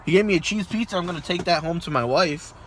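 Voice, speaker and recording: Excited man vlogging on the go. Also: high-pitched, fast, slight background noise. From Massachusetts. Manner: excited, motivational, retells dialogue. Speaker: vending machine business owner vlogging. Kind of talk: casual vlog to camera.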